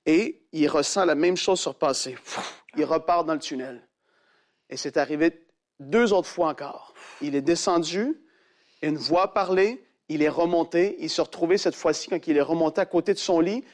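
A man preaching, telling a testimony dramatically and acting out the quoted voices. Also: moderate pace. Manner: animated storyteller who acts out quoted voices in a much higher pitch. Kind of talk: sermon storytelling.

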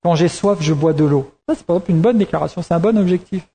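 A man's voice: on the high side, quick pace, mellow. A man preaching a sermon in a conversational way, repeating key words for emphasis, with frequent restarts.

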